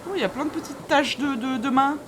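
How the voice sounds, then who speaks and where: A woman's voice: high voice, fast, background noise. A woman streaming a horror game live, chatting informally and jokingly to viewers with scared, easily startled reactions.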